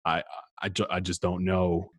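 A man hosting a casual sports podcast, relaxed and prone to repeating words and restarting. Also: low-pitched, moderate pace. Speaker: podcast host.

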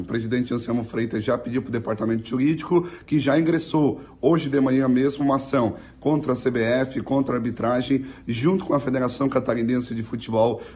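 Hoarse, gravelly man reporting sports. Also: medium pitch, a little mellow. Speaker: sports streamer giving team news. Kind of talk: informal sports news report.

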